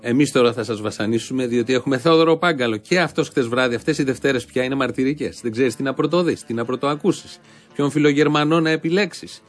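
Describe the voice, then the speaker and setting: A man's voice: medium pitch, faint music behind. Sarcastic male satire host. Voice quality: dry, mocking. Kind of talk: sarcastic commentary.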